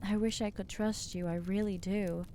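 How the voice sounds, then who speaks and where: Voicing a nervous young female vampire who loathes herself, a woman speaks with medium pitch, a dark tone, and fairly even intonation at a moderate pace in this lightly acted ASMR roleplay. She's hesitant and self-deprecating, often trailing off, and a little background noise can be heard.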